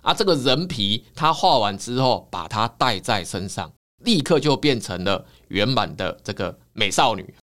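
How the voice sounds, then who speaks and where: Man, counseling psychologist guest, dramatic podcast storytelling, bright tense tone. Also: on the low side, expressive, moderate pace.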